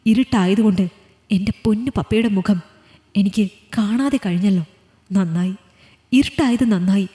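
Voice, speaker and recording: A woman doing a soft pleading young daughter, storybook voice, long reverb. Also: mid-range voice, normal speed, pauses often, natural voice. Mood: distraught. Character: young adult daughter, tender then shattered. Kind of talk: storybook reading.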